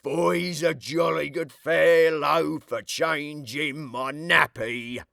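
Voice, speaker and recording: A man voicing a soft-hearted male burglar with rough slang, drawing out his words slowly. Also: a little high, fairly even intonation, no echo, studio quality, voice pushed up, exaggerated voice. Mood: coaxing. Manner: slow, drawn-out delivery.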